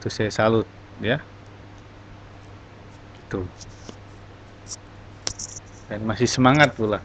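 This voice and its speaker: A man's voice: lowish voice, takes it slowly. A man teaching a class, encouraging his students and explaining step by step. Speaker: English teacher. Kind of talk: online class talk. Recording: dull lo-fi recording, faint noise.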